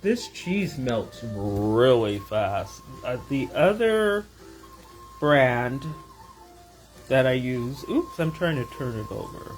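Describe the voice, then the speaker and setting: Chatty, slow-talking woman cooking. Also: rumbling low, very animated, darkish tone, rough recording. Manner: chatty, rambling, talks to viewers. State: tired and loopy. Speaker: small business owner. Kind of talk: casual cooking vlog. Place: home kitchen. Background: sizzling pan and music.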